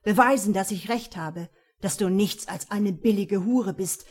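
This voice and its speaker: A woman reading aloud and voicing a violent, jealous man who snarls and shouts his accusations. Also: medium pitch, a little slow, slightly rough. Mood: furious. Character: jealous, violent adult man, menacing and possessive.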